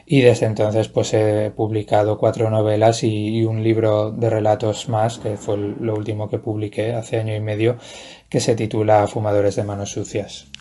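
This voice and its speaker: A writer in his 40s from Valencia, Spain, appears as a guest answering interview questions. His fairly low, dark voice comes out hesitant and thoughtful, with many restarts.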